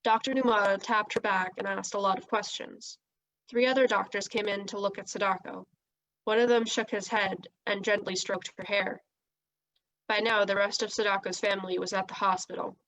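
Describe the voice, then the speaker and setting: A woman reads a children's novel aloud in a steady, expressive storytelling voice. Her pitch sits in an ordinary middle range. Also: normal speed, rough recording. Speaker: reader.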